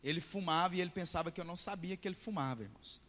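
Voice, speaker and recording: A man preaches in quick, emphatic bursts and tells stories to his congregation. His voice sits fairly high for a man. It rings out with the long reverb of a large church hall. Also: fairly bright tone. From central Brazil. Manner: emphatic storytelling, often calling out to the congregation. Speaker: pastor. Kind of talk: sermon.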